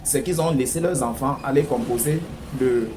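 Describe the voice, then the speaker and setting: Background noise is clearly present as a male news commentator discusses politics emphatically, peppering his remarks with rhetorical questions. He has a Cameroonian French accent, a mid-range voice and a moderate pace.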